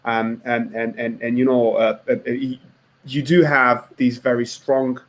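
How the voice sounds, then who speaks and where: A man's voice: medium pitch, flat delivery, unhurried. A man hosting a podcast interview, asking questions while repeating himself and searching for words. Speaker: podcast host.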